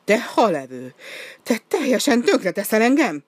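A woman's voice: deep voice, lively intonation, no echo. A woman voicing an older ice-cream-shop lady who scolds shrilly and gets upset easily. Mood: furious.

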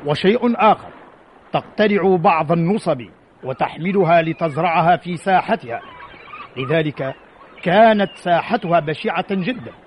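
A man voices a Carthaginian army commander from an old radio play, measured and dryly knowing. His voice sits a little high for a man. The recording sounds dull and lo-fi, with a faint hiss underneath. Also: lively intonation, lightly acted. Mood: wry. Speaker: radio drama actor. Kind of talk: old-time radio drama acting.

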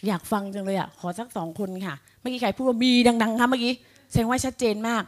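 A middle-aged woman giving a motivational speech at a sales agents' meeting, energetic and rallying, asking the audience questions. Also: on the high side, fast talker.

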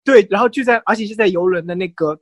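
A male podcast co-host tells gossipy stories in casual, animated chat, mixing English phrases into his Chinese. His voice sits high and fast, with no echo.

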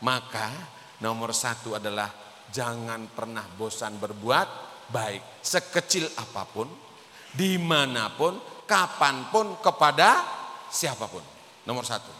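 A man preaching an Islamic sermon, telling a story with acted-out dialogue, his voice swinging between loud and soft, sometimes chanting Arabic phrases. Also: mid-range voice, lively intonation, slow, slight background noise. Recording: reverberant hall, faint ambience.

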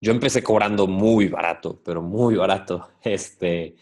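A man's voice: low-pitched, unhurried, darkish tone. A man hosting a podcast, chatting casually and asking friendly follow-up questions. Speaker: podcast host. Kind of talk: casual conversation.

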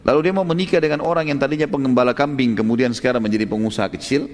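A male preacher telling a story in a sermon, lively, with frequent tag questions. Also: medium pitch, racing, long reverb tail.

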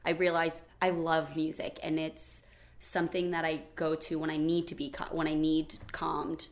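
A woman's voice: low voice, little pitch movement, moderate pace, roomy sound. A woman talking casually and a little hesitantly, with many fillers. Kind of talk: casual conversation.

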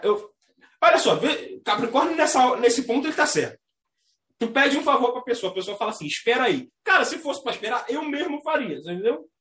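A man with a Brazilian Portuguese accent hosting a casual astrology chat, talking in a slangy, animated way and mimicking the people he describes. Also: high-pitched. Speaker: astrology talk host. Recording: echoey room.

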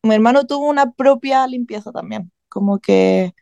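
A woman's voice: fairly high pitch, moderate pace, gravelly, warm tone, no echo, highs cut off. A young woman with a Chilean accent, telling a story in casual chat with slang and restarts.

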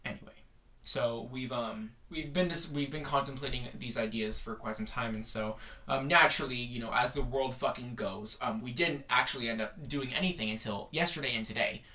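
Young guy podcast cohost, lots of vocal fry, kinda theatrical, just chatting. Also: medium pitch, a little fast, sharp tone. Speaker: podcast co-host. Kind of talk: casual chat.

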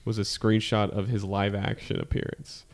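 A man's voice: fairly low pitch, level tone, normal speed. A man in a casual podcast chat, telling stories animatedly and laughing often.

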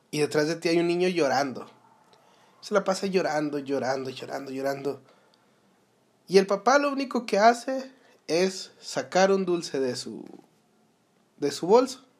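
Young Mexican male podcast host, earnest and advising, slightly higher pitch, rhetorical questions. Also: darkish tone. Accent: Mexican Spanish. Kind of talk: motivational solo podcast talk.

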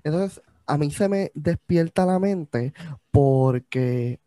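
A man with a Puerto Rican accent, gossiping in casual chat as a co-host, animated, acting out quoted voices and swearing freely. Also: on the high side, takes it slowly, no room sound.

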